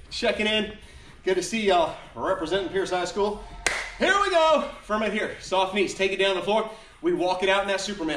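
An energetic male aerobics instructor with a high-pitched voice, recorded in a large, echoey gym studio. He barks short moves and countdowns as he exercises, urging the class on. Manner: energetic, clipped, encouraging commands while exercising. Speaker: fitness instructor leading an online workout class. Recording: echoey large empty room.

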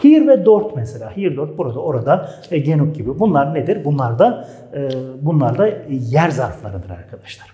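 A man teaching a German lesson, patiently explaining and repeating each example word slowly. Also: fairly high pitch, sing-song, mellow. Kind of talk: online language lesson.

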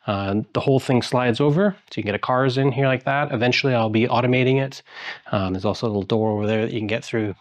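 A man's voice: medium pitch, fast talker, no echo. Rambling man touring his garden, dry sound. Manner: rambling, lots of fillers and restarts. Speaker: homeowner giving a house tour. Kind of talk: casual walkthrough narration. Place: outdoor garden and large garage of an old house.

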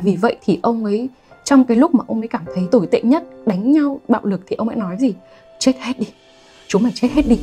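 Mellow-voiced woman teaching literature. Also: on the high side. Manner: lively, asks students rhetorical questions. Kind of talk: online literature lesson.

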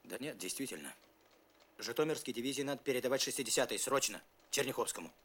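A man's voice: mid-range voice, lively intonation, fast talker, close to an everyday voice. A man playing a hot-tempered, exacting middle-aged staff general in a war film. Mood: restrained. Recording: noisy background ambience.

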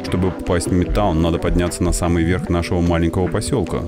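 A man playing a serene meditating robot in a video game speaks with a low voice. The manner is measured and kindly, that of a wise mentor, with music clearly behind it. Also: level tone, close to an everyday voice. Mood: calm, welcoming. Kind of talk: reading game dialogue aloud.

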